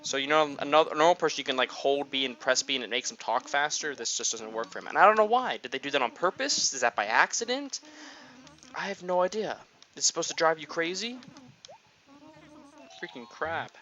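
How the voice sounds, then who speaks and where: A man giving relaxed gameplay commentary, talking his way through each move. His voice is bright and bounces all over as he rambles and thinks aloud. The recording is a little muffled and lo-fi. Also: fairly high pitch. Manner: chatty, animated, thinks aloud. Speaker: gaming video creator.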